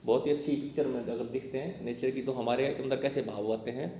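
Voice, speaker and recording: A male teacher giving a classroom lecture: he reads English text slowly, explains it in Hindi, and quizzes his students as he goes. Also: medium pitch, steady tone, warm tone. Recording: echoey room with long reverb.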